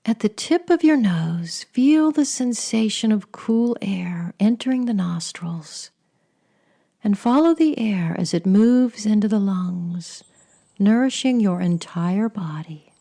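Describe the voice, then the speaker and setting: A woman leading a guided meditation in a soft, soothing, breathy voice that often sinks close to a whisper. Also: mid-range voice, expressive, slow pace. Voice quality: breathy, husky.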